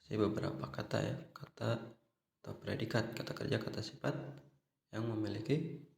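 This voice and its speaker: A man's voice: fairly low pitch, steady tone, a little fast, vocal fry, darkish tone, roomy sound. A man explaining grammar patiently, step by step, as a language teacher, with a constant "ya" and "nah". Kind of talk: explanatory online lesson.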